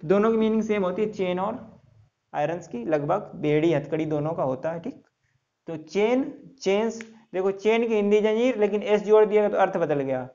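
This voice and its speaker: A man's voice: high voice, normal speed, warm tone, lo-fi sound. A male English teacher giving a classroom lesson, spelling words letter by letter and repeating each answer in call-and-response.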